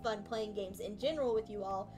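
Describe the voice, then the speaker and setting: A woman's voice: mid-range voice, fairly quick, music in the background. A woman streamer chatting casually and thinking aloud as she plays a video game, often poking fun at her own skill. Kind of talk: casual gameplay commentary.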